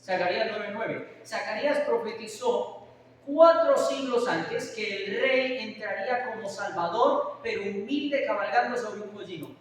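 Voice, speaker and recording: Guy preaching a sermon, kinda high voice, asks the crowd stuff, roomy far-off sound w faint hiss. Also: fairly bright tone. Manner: asks the congregation questions. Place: church hall.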